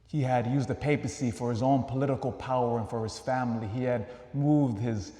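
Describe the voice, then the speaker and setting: A man preaching a homily as a priest, asking questions and moving from loud emphasis to soft asides. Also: medium pitch, steady tone, brisk. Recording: echoey church hall.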